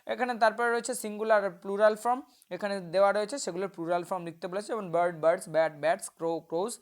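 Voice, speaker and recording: A woman's voice: mid-range voice, fast. A woman teacher with a Bengali accent, explaining an English worksheet step by step, with hesitations and self-corrections.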